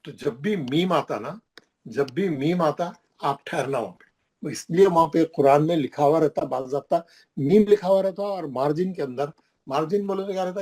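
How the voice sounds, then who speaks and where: A man leads a classroom lesson, his voice sitting a little high for a man. He talks in a steady, repetitive way and stresses key words again and again to drive each point home. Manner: repetitive, emphatic, points at the page while explaining. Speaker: Quran recitation teacher. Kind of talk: classroom lesson explaining recitation rules.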